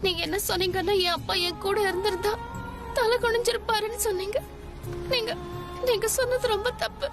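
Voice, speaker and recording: A woman's voice: on the high side, moderate pace, pauses often, long reverb tail, natural voice. A young woman voicing an earnest, emotional daughter who speaks in a pleading, reproachful way in a dubbed TV serial. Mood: hurt. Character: young daughter, hurt and earnest, longing for a father. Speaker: dubbing actress. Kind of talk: Tamil TV serial dub. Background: serial background music.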